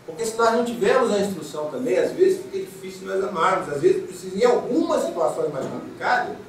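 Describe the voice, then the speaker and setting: A man's voice: high-pitched, animated, quick pace, a little hiss or hum. A Brazilian man gives a conversational spiritist lecture and often checks in with his listeners with a rhetorical "né?". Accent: Brazilian Portuguese. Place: spiritist center lecture hall. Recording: echoey hall mic heard from a distance.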